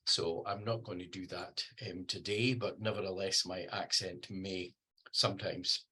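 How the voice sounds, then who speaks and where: A man with a Scottish accent giving a presentation over a video call, pausing often with ums and restarting sentences. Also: low voice, little pitch movement, bright, forceful tone, breathy edge. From Scotland. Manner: hesitant, many ums and restarts. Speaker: guest speaker. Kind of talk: online presentation talk.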